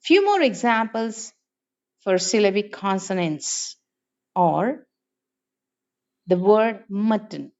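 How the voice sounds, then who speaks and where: An English teacher, a woman, delivers a phonetics lesson slowly and deliberately, saying every example word twice. Her intonation is lively, with pitch shifting often as she stresses words, and her tone is darkish. The recording is dull and lo-fi.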